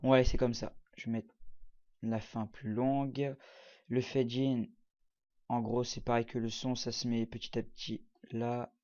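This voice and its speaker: A man's voice: mid-range voice, little pitch movement, measured pace, darkish tone. A man casually walking viewers through a video-editing program, talking while he clicks, with many hesitations and fillers. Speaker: tutorial presenter. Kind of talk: casual screen-recorded software tutorial.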